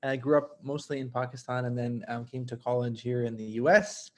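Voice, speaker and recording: A man from Lebanon hosts an online case session over a video call, chatting casually. He sounds upbeat and enthusiastic, with playful bursts of excitement between calmer stretches. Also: mid-range voice, brisk. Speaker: host.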